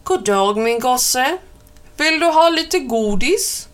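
A woman voicing a fierce, loud witch mother in a storybook reading. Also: sits high, expressive. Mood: sweet. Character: ugly witch mother, fierce but kindly.

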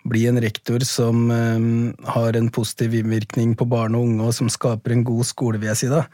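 A school principal being interviewed about his book, speaking thoughtfully with frequent pauses and fillers. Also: mid-range voice, monotone, dark tone, no echo, studio quality. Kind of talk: podcast interview.

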